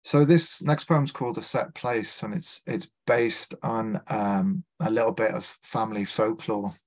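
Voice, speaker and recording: A man's voice: lowish voice, steady tone. A man from Liverpool with a Scouse accent, a poet reading his work aloud and introducing each poem with a few hesitant fillers. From Liverpool, England. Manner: measured, deliberate reading with small hesitant fillers between poems. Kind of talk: live poetry reading with spoken introductions. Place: literary festival event.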